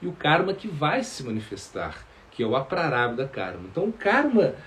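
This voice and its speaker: A male spiritual teacher, answering questions in a halting sermon full of fillers and repeated words. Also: a little high, wildly swooping pitch, fairly bright tone, slight background noise.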